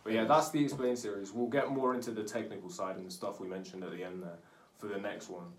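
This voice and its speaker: Young male co-host, slangy and laid-back, low voice, echoey distant recording. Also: steady tone, quick pace. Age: young adult. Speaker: podcast co-host. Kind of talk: casual chat. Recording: roomy echo, far from mic, faint noise.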